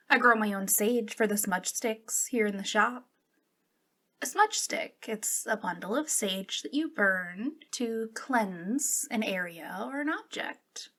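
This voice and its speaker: A young woman voices a friendly witch shopkeeper in a soft-spoken ASMR roleplay, sounding eager and slightly awkward. Her mid-range voice is creaky and heavily acted, and she speaks hesitantly with little giggles.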